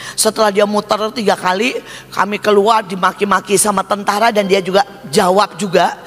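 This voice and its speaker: A man preaching with a high, bright and forceful voice, telling a story with emphatic energy and calling out to the congregation again and again. His voice rings through a large reverberant hall with music playing softly underneath. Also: level tone, moderate pace. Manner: emphatic storytelling, constantly addressing listeners as brothers. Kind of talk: sermon testimony.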